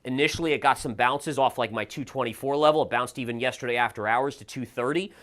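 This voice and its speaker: A man hosting a trading show, giving brisk live market commentary and reacting aloud as he reads the charts. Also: medium pitch, fairly bright tone. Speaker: market analyst host.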